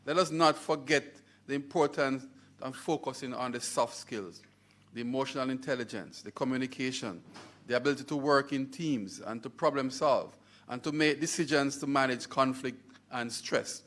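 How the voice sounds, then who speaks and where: Jamaican guy at the podium, big formal speech, leans hard on key words. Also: medium pitch. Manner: emphatic oratory with stressed words and pauses. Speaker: university college head speaking at a scholarship launch.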